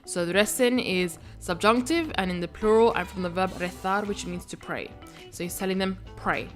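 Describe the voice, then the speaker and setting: Methodical woman teaching a language lesson. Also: mid-range voice. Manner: methodical, breaks phrases down step by step. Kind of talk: explanatory video lesson.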